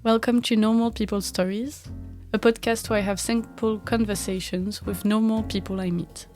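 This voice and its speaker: A woman hosts a conversational podcast, asking her guest polite, gentle questions. Her voice is mid-pitched and even, with soft guitar music faintly playing underneath. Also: normal speed. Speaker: podcast host. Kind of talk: podcast interview.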